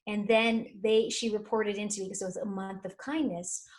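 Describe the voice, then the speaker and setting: A woman, a life and career coach telling stories in an interview, animated and acting out the voices of people she quotes. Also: mid-range voice, moderate pace. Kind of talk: conversational interview storytelling.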